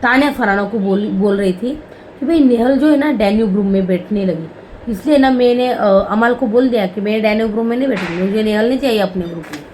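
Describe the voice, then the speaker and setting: Casual woman reviewer, mid-pitch, filler-heavy chat, faint hiss behind. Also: brisk, darkish tone, low-quality recording. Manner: chatty, lots of "bhai" and "hmm" fillers. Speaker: reality show reviewer. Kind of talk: casual episode recap.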